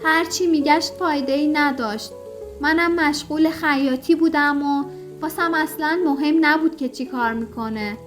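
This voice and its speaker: High-voiced woman narrating a story. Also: fairly bright tone, soft background music. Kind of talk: first-person audiobook narration.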